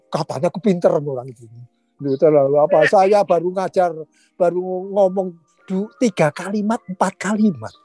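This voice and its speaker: A man, telling stories in a casual chat, animated and laughing often as he acts out quotes. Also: high voice, moderate pace, no echo, faint music behind.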